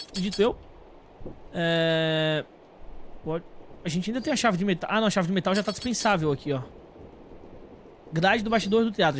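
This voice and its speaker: Animated high-pitched Brazilian man streaming a game. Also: a little hiss or hum. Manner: informal, slangy, thinking aloud. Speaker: game streamer talking to live chat. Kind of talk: casual gameplay commentary.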